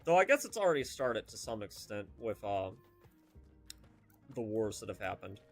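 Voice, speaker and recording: Over faint background music, a young man streams a game at a normal pace in a low, sing-song voice. His casual commentary rambles off on tangents and is full of fillers.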